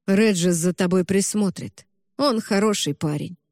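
A woman voicing a gentle young male ghost saying farewell, softly and tenderly. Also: mid-range voice, a little slow, no echo, studio quality, close to an everyday voice.

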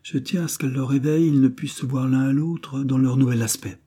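A man reading an audiobook, voicing a calm and ironic male detective. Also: medium pitch, a little fast, voice pushed up, natural voice. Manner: calm, mocking.

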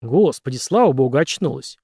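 A man's voice: medium pitch, animated, fairly quick, a little mellow, dry recording. Kind anxious young man, read by a man, urgent, colloquial, dry close sound. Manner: urgent, pleading, rough colloquial.

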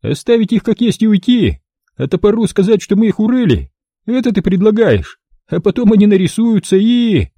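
A shrill, piping male thug, sly and spiteful, voiced with lively swoops far above a normal man's pitch. The tone is dark and husky despite the height. A man puts him on while narrating a storybook. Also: normal speed, no room sound, heavily acted. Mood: indignant. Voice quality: squeaky, piping.

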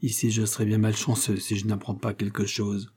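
A man's voice: lowish voice, flat delivery, fairly quick, a little mellow, breathy edge. Man doing a sly old police inspector. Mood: muttering. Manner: feigned humble politeness, sly muttered asides. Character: cunning older male police inspector posing as a deaf provincial uncle.

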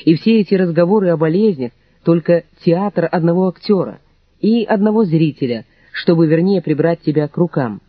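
A man's voice: fairly high pitch, normal speed, no room sound, dull audio, pitched above the performer's own voice, close to an everyday voice. A man reading an audiobook, voicing a sarcastic, combative young woman. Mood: angry. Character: young woman, sharp and mocking.

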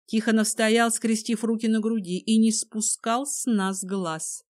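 A woman reading a first-person dramatic story aloud, expressive throughout. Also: fairly high pitch, unhurried. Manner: expressive, voices each character. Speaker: audiobook narrator.

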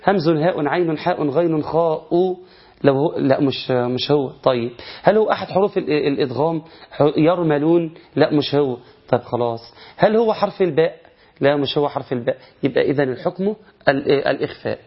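Egyptian-accented male tajweed teacher, fast and animated, self-questioning delivery, slightly muffled lo-fi recording. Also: fairly high pitch, breathy edge. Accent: Egyptian Arabic. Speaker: Quran recitation teacher. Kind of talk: colloquial recitation lesson.

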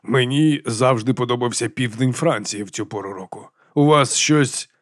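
A man's voice: mid-range voice, normal speed, dry recording, close to an everyday voice. A man reading an audiobook voicing a sly, mocking baron with dry irony. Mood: ironic. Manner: dry, ironic.

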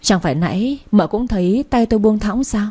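A woman's voice: medium pitch, expressive, a little fast, mellow, slightly rough. A woman voicing a young husband who coaxes and insists as he pleads with his wife. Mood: defensive. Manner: coaxing, insistent.

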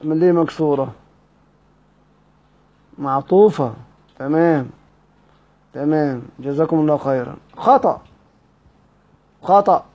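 A man with an Egyptian accent teaches recitation rules in an online lesson, his voice pitched fairly high. He quizzes his students, then reads the text aloud and explains each point. The audio is somewhat dull and lo-fi. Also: measured pace, pauses often, warm tone. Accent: Egyptian Arabic.

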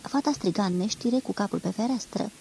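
A woman reading a literary novel aloud in a measured, expressive storytelling manner. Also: medium pitch, creaky, slight background noise, rough recording. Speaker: reader.

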